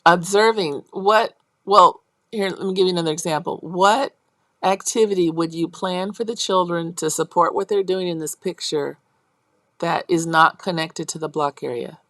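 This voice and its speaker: A woman teaching a college course on early childhood education explains step by step at a moderate pace, and the recording is dry. She checks in with her class and slips into a high, animated voice to act out teacher and child lines.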